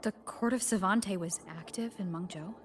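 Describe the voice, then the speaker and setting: An actress playing a composed, cautious young woman companion in a video game, answering in quiet, restrained lines. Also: mid-range voice, normal speed, a little hiss or hum, natural voice. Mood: calm.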